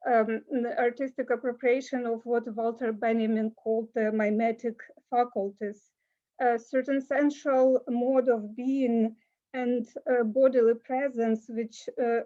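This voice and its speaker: A woman giving an academic conference talk over a video call, pausing often with filler sounds. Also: fairly high pitch, mellow, dull audio. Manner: hesitant, many filler sounds. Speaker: conference speaker.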